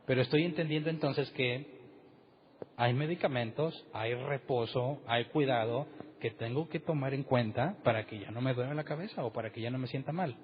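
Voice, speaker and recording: A man's voice: mid-range voice, moderate pace, big-room sound, highs cut off, slight background noise. A man preaching a conversational sermon as pastor, putting rhetorical questions to his congregation in a church meeting room.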